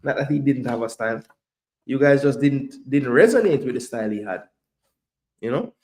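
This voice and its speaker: A man's voice: medium pitch, expressive, normal speed, a little mellow. Passionate man hosting football talk. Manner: passionate, emphatic, repeats points. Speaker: host of a live football show. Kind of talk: live-stream football analysis. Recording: echoey room.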